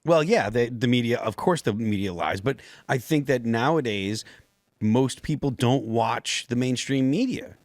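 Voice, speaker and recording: A man in a casual political discussion who talks haltingly, restarting his sentences and hedging with "I think.". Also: medium pitch, animated, no echo.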